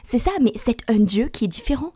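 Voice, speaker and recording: A woman's voice: fairly high pitch, lively intonation, brisk, warm tone, slightly rough, no echo, clean studio sound. A woman on a Bible study panel, speaking reflectively and often adding small tag words as she talks. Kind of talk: religious panel discussion.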